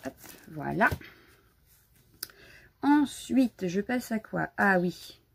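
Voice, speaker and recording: A woman's voice: mid-range voice, big pitch swings, extremely slow, vocal fry, a little hiss or hum. A woman hosting a casual live crafting stream from home, chatty and a bit scattered, greeting viewers as she shows her supplies. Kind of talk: casual live unboxing chat.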